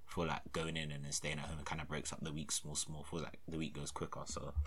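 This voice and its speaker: A young man with a London roadman accent, chatting casually with a friend in slangy, sweary, animated banter. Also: very deep voice, fast, a little hiss or hum. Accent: London, roadman slang style. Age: young adult.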